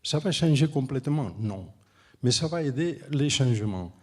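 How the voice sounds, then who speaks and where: A Spanish man whose first language is Spanish or Catalan gives an unscripted conference talk as an urban planner, speaking with a Spanish accent. His delivery is halting and emphatic, often repeating words, in a mid-range voice with lively intonation.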